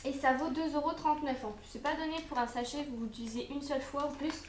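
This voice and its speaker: A young woman with a high voice talks through a box of food products, chatty and a little hesitant, pausing on fillers as she goes. Her voice rings in an echoey room at home, with a faint hum behind it. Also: fairly even intonation. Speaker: unboxing vlogger. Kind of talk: casual product review.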